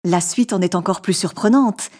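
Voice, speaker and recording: A woman voicing a composed young female storyteller speaking gently in a storybook reading. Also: mid-range voice, normal speed, natural voice.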